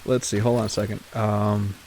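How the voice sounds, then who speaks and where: A man's voice: fairly low pitch, level tone, moderate pace, darkish tone, a little hiss or hum. A man casually commenting on his survival game play for viewers, chatty and often correcting himself. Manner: chatty, self-correcting, talks to viewers while playing. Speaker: gaming channel host.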